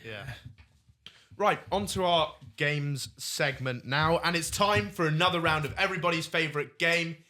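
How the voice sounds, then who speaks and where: A man co-hosts a casual comedy podcast, joking around and running a quiz segment. His voice is fairly high-pitched, pushed and bright, at a normal speed.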